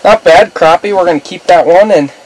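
Filmed on an action camera in a small ice shelter, a young man hosting an outdoors fishing vlog cheers on his cousin with brief, repeated encouragement in an upbeat, casual way. His voice is high-pitched and brisk, with slight background noise.

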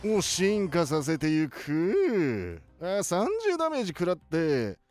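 A man voicing an excitable elderly cartoon professor, giving playful video game commentary with drawn-out words. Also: on the high side, faint music behind, full character voice. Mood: cheerful, explaining. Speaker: gaming video host.

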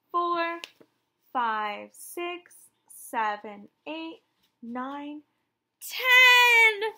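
Reading to small children from a picture book, a thirtyish woman with a high-sitting voice turns the story into a counting lesson. Her delivery is lively and wondering, peppered with questions.

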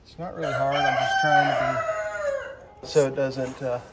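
A practical, matter-of-fact man in his thirties talks through his wiring job at a middle pitch. He is recorded on a nearby phone camera inside a wide pole barn, and steady noise runs under his voice. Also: normal speed. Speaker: DIY builder explaining his electrical work. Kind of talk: casual explanation while working. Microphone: phone camera held nearby. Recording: noisy barn ambience.

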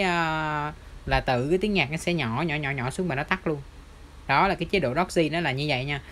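In a product demo tutorial, a presenter from an audio shop, speaking with a Southern Vietnamese accent, chattily points through a device step by step. The medium-pitched voice is fairly bright, and there is slight background noise.

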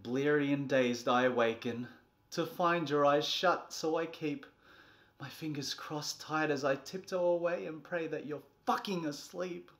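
A man in his thirties reads a picture book aloud in a comedic, theatrical way, shifting between a soft bedtime tone and an exasperated delivery. His voice is a little high and his pace measured, in a small furnished nursery room indoors.

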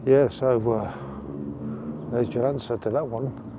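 A man giving a casual outdoor walking tour, relaxed and rambling with fillers. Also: medium pitch, a little slow, noisy background. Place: outdoors on town streets.

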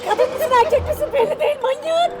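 A shrill, frantic flight attendant. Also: female voice, quick pace, over loud music, a loud crowd. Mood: panicked. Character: loud, brash young woman flight attendant, feisty. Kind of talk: sitcom comedy acting.

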